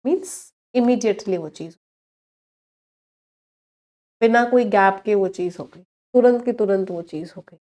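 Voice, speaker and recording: A woman with an Indian accent runs a live online exam-prep class on English vocabulary, blending Hindi and English as she quizzes students. She draws out each English word slowly in a mellow, mid-range voice.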